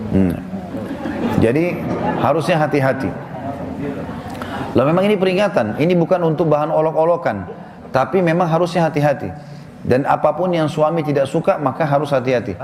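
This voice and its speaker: A man's voice: on the high side, darkish tone, in a large hall, slight background noise. A man giving an instructive sermon, working through numbered points. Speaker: preacher.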